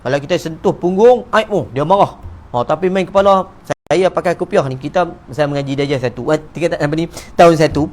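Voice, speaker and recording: A Malaysian man with a Malay accent giving an evening talk in a neighbourhood prayer hall, lively and joking, acting out little dialogues. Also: a little high, fast talker. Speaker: religious teacher.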